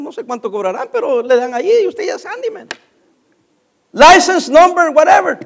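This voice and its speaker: A middle-aged man with a Mexican accent telling a casual work anecdote, acting out the dialogue and laughing as he goes. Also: extremely high pitch. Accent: Mexican Spanish. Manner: animated, acts out dialogue, laughs while telling. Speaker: storyteller.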